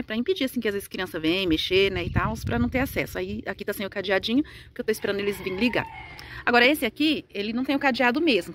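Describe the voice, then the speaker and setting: A woman's voice: mid-range voice, slight background noise. A Brazilian woman with a Brazilian Portuguese accent, chatting casually to her phone camera as a vlogger, confiding, with many fillers and tag questions.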